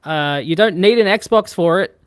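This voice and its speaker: A woman's voice: lowish voice, moderate pace, smooth, no room sound, studio quality. A woman co-hosting a casual podcast chat, exasperated, swearing a lot and laughing easily. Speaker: podcast co-host.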